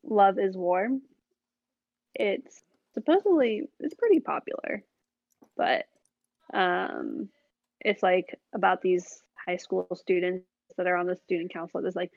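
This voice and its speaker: A woman with a gravelly, fry-laden voice chats casually and gets animated as she explains what she's been watching. The sound is dry and close, with a slightly dull, lo-fi tone. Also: fairly low pitch, unhurried, pauses often, no echo. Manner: chatty, animated when describing shows. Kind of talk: casual chat.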